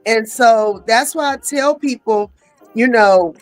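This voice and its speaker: A woman talks as a guest on a casual podcast. Her voice is fairly high, and she speaks in a preachy, emphatic way, calling people baby and honey. Faint music plays under her. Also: takes it slowly, low-quality recording. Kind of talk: casual chat.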